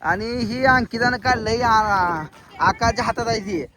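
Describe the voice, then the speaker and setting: A man's voice: very high-pitched, steady tone, a little slow, over a noisy crowd. A man, vlogging a children's contest and repeating instructions to them in a coaxing way. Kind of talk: casual outdoor vlog commentary.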